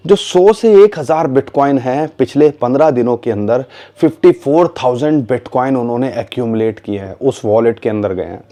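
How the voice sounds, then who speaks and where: A man talks through market charts in a relaxed, chatty way. His voice is warm and mellow. He throws in rhetorical questions and calls his listeners "bhaiya". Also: mid-range voice, moderate pace, hardly any pauses. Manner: conversational, addresses viewers as "bhaiya", rhetorical questions. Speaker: crypto market commentator. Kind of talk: casual explanatory commentary.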